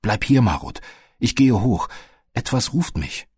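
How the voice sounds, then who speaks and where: Storybook girl hunter, watchful and uneasy, voiced by a man in a raised, husky tone. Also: mid-range voice, expressive, unhurried, dry recording, clean studio sound, voice pushed up. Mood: hushed. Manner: urgent, hushed warnings. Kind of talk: audiobook reading.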